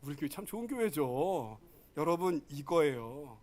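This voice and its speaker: Male pastor, sermon, high voice for a man, animated, emphatic peaks, questions to the congregation. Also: moderate pace.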